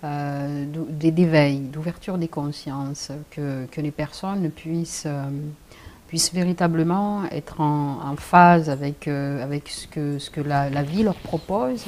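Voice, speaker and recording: A middle-aged woman with a French accent, telling her own story in an interview, hesitant with many restarts and quick laughs. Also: deep voice, a little mellow. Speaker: interview guest.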